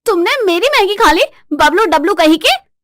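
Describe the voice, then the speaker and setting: A sassy young bride who talks back at every turn, as a woman puts her on. She is shrill, high and cheeky, and her lines land close and dry like a bedtime storybook reading. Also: lively intonation, fairly quick, no room sound. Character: sassy bratty young newlywed wife.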